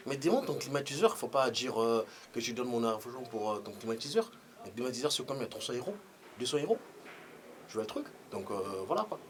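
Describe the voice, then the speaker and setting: A man's voice: medium pitch, expressive, brisk, close to an everyday voice. A man in his thirties playing a nephew visiting from Europe, stumbling over fillers as he explains himself. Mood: explaining. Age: 30s. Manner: hesitant, many fillers and "tu vois le truc". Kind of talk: film dialogue. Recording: noticeable background noise.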